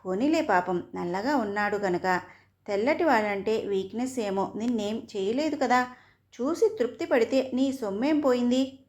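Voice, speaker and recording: A woman's voice: fairly high pitch, normal speed, darkish tone, close to an everyday voice. A woman voicing a kind young college girl who earnestly defends a classmate. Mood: placating. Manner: earnest, reproachful.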